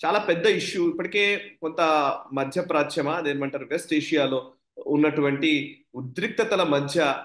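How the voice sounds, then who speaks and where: A man's voice: fairly high pitch, normal speed, a bit bright, reverberant. A man hosting a discussion, asking conversational questions mixed with English words. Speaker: interviewer host.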